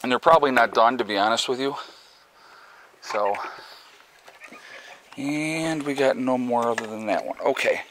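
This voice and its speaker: A Northeastern American man vlogs while walking his rural homestead with a handheld camera, his talk casual and rambling, peppered with fillers and restarts. His medium-pitched, slightly bright voice moves at a moderate pace with long pauses. The audio is poor, with slight background noise.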